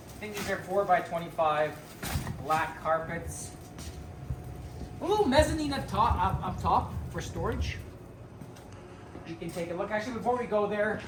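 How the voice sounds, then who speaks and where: A person giving a casual, unscripted walk-through tour of their business, talking informally and rambling as they think aloud. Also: medium pitch. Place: large echoey rental warehouse and shop. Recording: echoey warehouse, distant mic, clearly noisy background.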